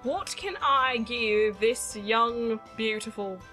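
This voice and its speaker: A woman's voice: fairly high pitch, slow pace, pushed and bright, soft background music. A woman co-hosting a let's play, chatting casually and playfully reading game prompts aloud. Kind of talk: casual gameplay chat.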